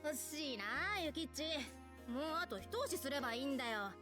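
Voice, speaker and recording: A woman's voice: sits high, animated, very fast, a bit bright, soft background music. A brash, tomboyish schoolgirl. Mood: teasing. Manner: blunt and teasing. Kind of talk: game voice acting.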